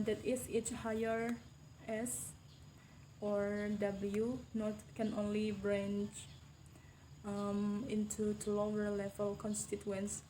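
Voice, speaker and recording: Flat, mellow-voiced student woman. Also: mid-range voice, a little hiss or hum, low-quality recording. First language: Indonesian. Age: young adult. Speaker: student presenter. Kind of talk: class video presentation.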